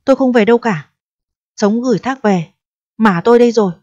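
A woman's voice: fairly quick, darkish tone, no echo, lightly acted. Woman voicing a desperate young woman, pleading, reproachful, proud, dull dry recording. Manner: pleading and reproachful, turning shrill when upset. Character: distressed pregnant eighteen-year-old woman, proud and desperate.

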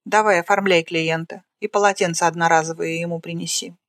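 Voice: mid-range voice, steady tone, fairly quick, fairly bright tone, dry recording, clean studio sound, close to an everyday voice. A reader putting on a barking, bossy hospital nurse. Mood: commanding. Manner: commanding, barking orders. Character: stern bossy female endoscopy nurse.

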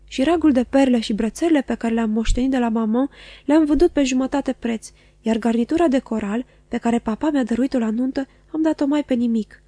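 A woman with a fairly high, warm voice lightly acts the role of an emotional middle-aged wife for an audiobook, insisting on her loyalty in a dramatic, tearful delivery. The recording is dry.

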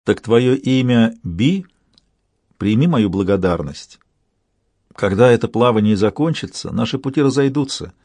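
A man voicing a proud female living ship that speaks calmly and in measured tones. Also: mid-range voice, no echo. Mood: grateful.

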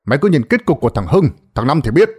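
Man voicing a gruff old village sorcerer. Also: on the high side, big pitch swings, fast, a little mellow. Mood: stern. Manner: gruff, scolding, commanding. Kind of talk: ghost story narration.

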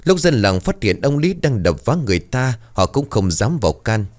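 A man narrating a scripted horror story in a dramatic, expressive way. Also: medium pitch, normal speed.

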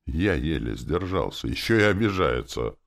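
A man narrating a fantasy story in the first person, his voice very deep with a gravelly, creaky texture. His reading is animated, the pitch moving freely as he tells it. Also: moderate pace. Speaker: audiobook narrator.

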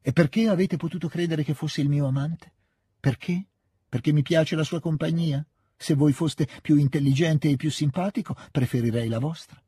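A man reading aloud voices a scornful young noblewoman scolding her husband, raising a husky voice into cutting, loud reproach. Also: on the high side, moderate pace, no room sound, pitched above the performer's own voice. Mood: heated. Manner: cutting, contemptuous, rising to shouting.

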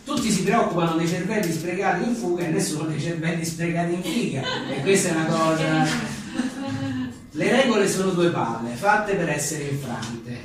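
Reading his own comic aphorisms at a book presentation, a man tosses in wry, chatty, self-deprecating remarks at a moderate pace. His voice is a little high, with crowd noise around. The distant mic catches a very echoey room and faint noise.

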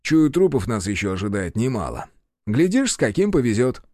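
A man's voice: mid-range voice, very animated, a little fast, a little mellow, no echo, clean studio sound. A man voicing a wry, easygoing male vampire who banters in a mocking tone.

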